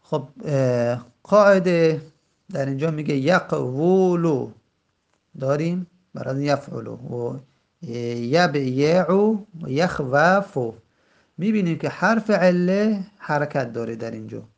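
A man teaching a grammar lesson. He says the example words slowly and drawn out, then explains quickly. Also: fairly high pitch, expressive, creaky, a little mellow, lo-fi sound.

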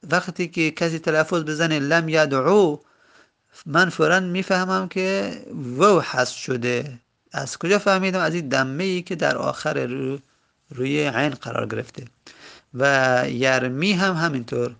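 A man teaching a grammar lesson, slowly drawing out example words and stopping to correct his own slips. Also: on the high side, creaky, fairly bright tone. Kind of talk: explaining lesson.

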